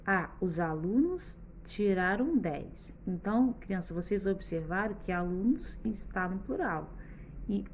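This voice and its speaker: Gravelly-voiced teacher guiding children. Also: female voice, medium pitch, lively intonation, a little slow, slight background noise. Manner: patient, explains step by step, often checks in with the children. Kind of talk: remote schoolbook lesson for children.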